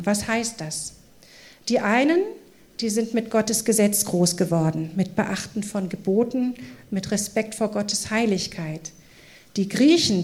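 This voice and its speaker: A woman's voice: mid-range voice, darkish tone. A woman with a lilt delivers a sermon to a church congregation. She talks in an engaging way and keeps asking the listeners questions so they answer aloud. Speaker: preacher. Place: church service.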